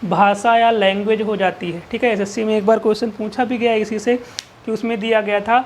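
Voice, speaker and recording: A woman's voice: medium pitch, steady tone, fairly quick, slight background noise. Woman teaching English grammar in Hindi. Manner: asks rhetorical questions and answers them herself; repeats key terms, drills with "ठीक है". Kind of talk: exam-prep classroom lecture.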